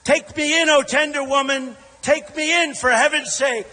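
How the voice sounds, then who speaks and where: A man's voice: very high-pitched, fairly even intonation, sharp tone, pitched above the performer's own voice. American man as a sly pleading snake, rally recital, echoing. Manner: drawn-out, theatrical pleading. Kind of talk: dramatic rally speech recital of a verse fable. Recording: large echoing hall over PA.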